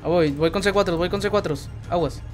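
A man's voice: high voice, fairly quick, soft background music. A man with a Mexican accent leading a game squad in casual, slangy chat, barking repeated call-outs. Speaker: gamer leading a raid squad.

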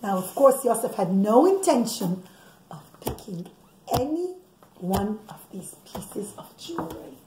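Speaking in a darkish, sing-song mid-range voice at a measured pace, a middle-aged woman narrates a tale for children, addressing them directly, explaining along the way and voicing the characters' thoughts. The audio comes from a phone or camera roughly a metre off on a table in a home living or dining room, echoey with background noise and clicks.

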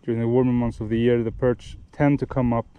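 A young man gives relaxed, explanatory fishing tips outdoors by a lake, often restarting and correcting himself mid-sentence. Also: mid-range voice, fast, clear, resonant tone, muffled recording. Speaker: fishing vlogger. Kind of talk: casual instructional talk while fishing.

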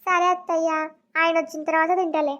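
A blunt, sharp-tongued young wife from a village cartoon, voiced by a woman. She speaks with a very high, piercing voice. The audio is dull and lo-fi. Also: level tone, brisk. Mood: polite. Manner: scolding, blunt village speech.

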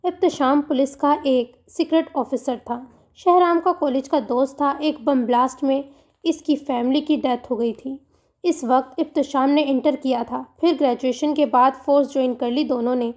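A woman narrating a romantic audiobook novel in a steady reading voice. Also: high-pitched, moderate pace. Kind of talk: scripted storybook narration.

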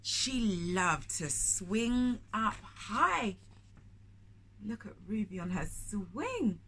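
Very animated and forceful, the middle-aged London woman draws out her words in a bright, medium-pitched voice while reading a picture book aloud. She hosts storytime indoors at a bookshop, adding chatty asides and questions for young listeners, and background shop ambience comes through clearly.

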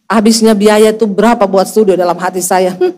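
A middle-aged woman pastor, preaching a storytelling sermon and acting out each voice with big pitch swings. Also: steady tone, brisk, darkish tone. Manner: acts out dialogue with dramatic pitch swings.

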